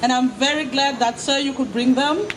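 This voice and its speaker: A woman hosting a book launch, talking casually with some hesitant pauses. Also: sits high, steady tone, a little hiss or hum. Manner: casual, slightly hesitant with fillers. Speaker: event host. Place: festival event hall. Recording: distant mic in loud crowded venue.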